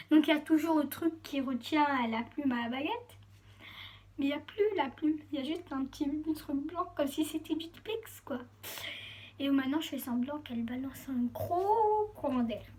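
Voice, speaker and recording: A woman talking to her viewers in a casual, excitable, rambling vlog with lots of fillers. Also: high-pitched, slight background noise. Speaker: YouTuber showing her collection.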